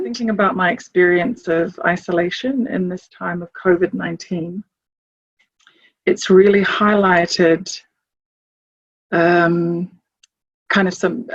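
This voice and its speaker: A middle-aged woman from Samoa speaks in a husky, breathy voice, searching for her words with small restarts. The sound is dry and a little dull, as if close-miked in a quiet room. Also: fairly low pitch, no echo. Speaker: chief executive of a leadership organisation. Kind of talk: reflective talk to camera.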